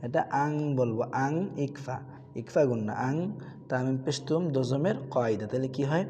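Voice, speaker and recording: A man's voice: medium pitch, normal speed, dark tone, long reverb tail. A man teaching Quran reading rules, asking questions and answering them himself, with repeated drills of syllables. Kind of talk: tajweed lesson with recitation drills.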